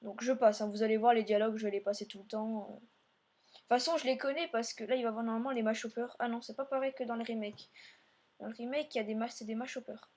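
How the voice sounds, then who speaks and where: Woman, let's play host, slightly higher voice, rambling commentary aimed at viewers. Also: fairly even intonation, fast, a little mellow. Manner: meandering, filler-heavy narration while playing; speaks directly to viewers.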